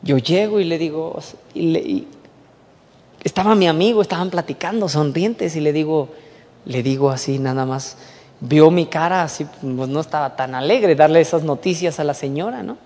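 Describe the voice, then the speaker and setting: A man with a Mexican accent preaching a sermon, moving from soft, hushed storytelling to emphatic preaching. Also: on the high side, moderate pace. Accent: Mexican Spanish. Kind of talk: sermon with personal testimony. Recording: long hall reverb.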